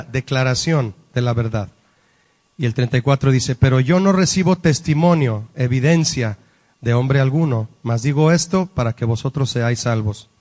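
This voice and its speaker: A man's voice: mid-range voice, a little mellow. A man preaching a Bible-study sermon, emphatic and asking the congregation rhetorical questions. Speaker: pastor. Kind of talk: sermon teaching.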